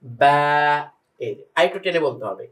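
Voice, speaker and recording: Man, Quran reading teacher, patient, repeats letter sounds slowly, talks to a student, roomy echo, set back from the mic. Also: on the high side, animated, darkish tone, recorded from a distance. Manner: addresses a student and the viewers directly. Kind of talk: step-by-step pronunciation lesson.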